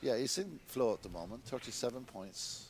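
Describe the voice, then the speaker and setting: A man giving hushed, measured snooker commentary in an understated way. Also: mid-range voice. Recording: noisy commentary recording with clicks.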